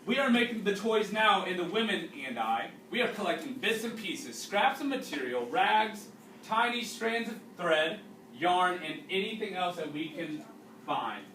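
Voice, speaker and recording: A male teacher reads a story to students in a high, sing-song voice that sounds pushed and bright. He explains as he reads and pauses to question the young listeners. The audio is roomy and distant, with faint noise.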